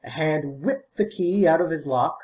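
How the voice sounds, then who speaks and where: A man narrating a short story in a measured, plain reading style. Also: on the high side, a little mellow, low-quality recording. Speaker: audiobook narrator.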